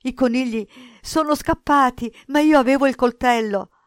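A woman's voice: moderate pace, no echo, studio quality, close to an everyday voice. A woman doing a terrified, panting young boy. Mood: frantic. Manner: high, loud, breathless outbursts. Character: terrified boy, frantic, sobbing out news.

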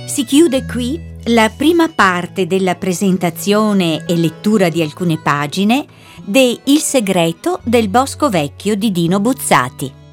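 Lively woman announcer over music. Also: medium pitch, takes it slowly. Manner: formal, clear sign-off. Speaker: radio program presenter. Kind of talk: scripted announcement.

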